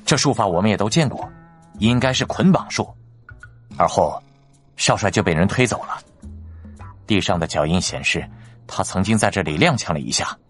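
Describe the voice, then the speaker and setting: Man playing an analytical male intelligence officer, low pitch, animated intonation, audiobook. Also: moderate pace, long pauses, faint music behind. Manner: analytical, explaining clues step by step. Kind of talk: audiobook character voice.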